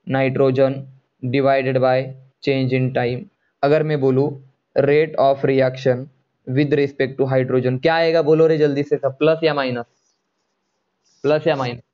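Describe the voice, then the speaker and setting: A man teaching a chemistry lecture online in speech, coaxing students to answer and drawing out formula terms slowly. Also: on the high side, lo-fi sound.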